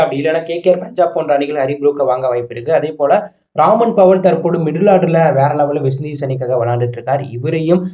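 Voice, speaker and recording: A man's voice: a little high, dark tone. A man with a Tamil accent narrating a cricket channel voice-over, steadily listing teams and prices in an explanatory way. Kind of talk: voice-over on auction predictions. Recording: roomy, dull lo-fi voice-over.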